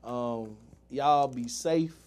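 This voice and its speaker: A man hosts a casual podcast chat, talking in loose slang and laughing often. His voice is mid-pitched and natural. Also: extremely slow, a little mellow. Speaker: host.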